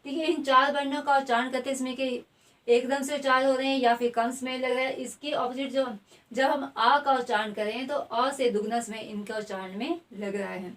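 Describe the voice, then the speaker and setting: A woman's voice: high-pitched, fairly even intonation. A woman teaching Hindi grammar in an exam coaching lesson, repeating a check-in phrase and spelling out vowels one by one. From India. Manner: repeats "ठीक है" constantly, spells out vowels slowly. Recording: voice at a distance from the mic.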